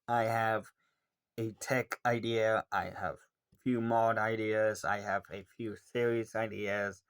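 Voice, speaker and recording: A young man in his late teens answering viewer questions in a casual, rambling way, with many pauses and ums. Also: lowish voice, little pitch movement, clear, resonant tone. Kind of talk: casual Q&A monologue.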